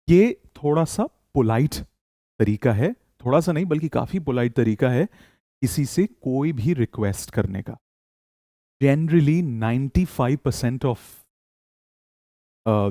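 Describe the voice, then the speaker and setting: A man teaching spoken English in Hindi, reading model sentences slowly for learners to repeat and praising them often. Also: mid-range voice, mellow, no room sound, clean studio sound.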